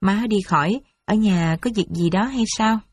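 A woman voicing a worried, gentle mother who coaxes her daughter softly. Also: medium pitch, normal speed, slightly rough, no room sound, studio quality, lightly acted. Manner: soft, coaxing and anxious.

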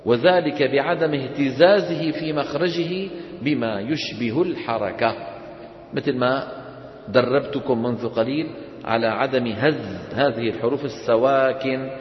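A man teaching a classroom tajweed lesson, quizzing the class and chanting verses slowly. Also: medium pitch, a little hiss or hum. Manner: asks the class questions and answers them, chants verses slowly. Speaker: Quran recitation teacher. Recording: roomy lecture hall, dull lo-fi sound.

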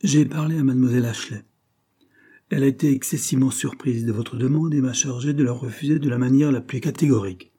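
A man's voice: mid-range voice, fast, dark tone, slightly rough, voice pushed up, close to an everyday voice. A man voicing a stern, dignified employer who speaks in a cold, formal and curt way.

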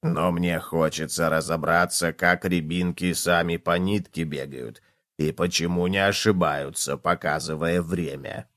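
A man voicing a male cockroach in a children's storybook, talking in a low, hushed, drawn-out way. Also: steady tone, no echo, clean studio sound. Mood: musing. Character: deep slow excitable male cockroach. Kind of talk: storybook reading.

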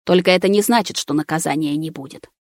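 Woman doing a cold ancient guy, clipped and bossy, lowish voice, dry sound. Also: fast, dry recording. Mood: icy. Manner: icy, clipped, commanding. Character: cold, menacing ancient male being.

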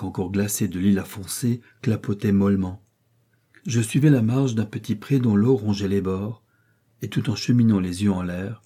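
A man calmly narrating a classic novella in a measured, literary reading voice with a husky quality. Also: fairly low pitch. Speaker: audiobook narrator.

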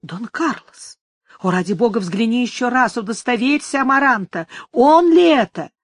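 A woman's voice: a little high, lively intonation, a little slow, no room sound, studio quality. A woman voicing a young countess in an audiobook, speaking in a trembling, imploring way. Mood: frightened. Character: anguished young countess in love. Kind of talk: dramatic audiobook reading.

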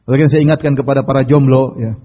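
A man giving a Quran study lecture as a preacher, telling stories in a lively way and calling out the lines he quotes. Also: medium pitch, fast. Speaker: Islamic preacher. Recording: dull audio with long reverb.

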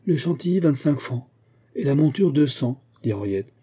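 A man's voice: medium pitch, animated, normal speed, mellow, breathy edge, voice pushed up. A man voicing an elegant society hostess who speaks with emphatic assurance. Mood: self-assured.

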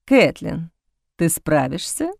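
A woman reading an audiobook, voicing a cold, mocking male villain who speaks slowly and with menace. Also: deep voice, very animated, vocal fry, no room sound, clean studio sound, pitched below the performer's own voice, full character voice. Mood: gloating menace. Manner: slow, menacing, gloating.

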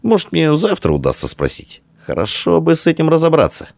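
A man's voice: fairly high pitch, huge pitch swings, a little fast, gravelly, no room sound, clean studio sound, pitched above the performer's own voice, full character voice. A man voicing a shy, earnest young boy. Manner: timid, earnest.

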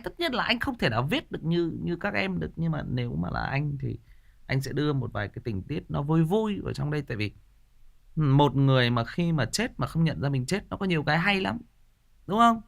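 A man's voice: on the high side, sing-song, normal speed, gravelly. A man, hosting a ghost story channel in a casual livestream chat. He talks in a playful, joking way and often repeats words while searching for the next one.

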